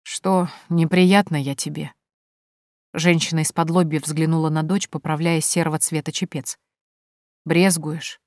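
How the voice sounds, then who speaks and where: A woman's voice: deep voice, fairly even intonation, measured pace, a little mellow, no room sound, clean studio sound. A woman reading an audiobook, voicing a tearful, spiteful and domineering older merchant's wife who wails and scolds. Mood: sullen. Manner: wailing, scolding, indignant.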